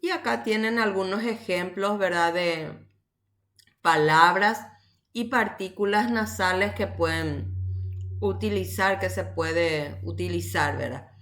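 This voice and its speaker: A woman teacher, explaining grammar rules slowly and patiently in a recorded online class, often checking in with her students. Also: lowish voice, fairly bright tone.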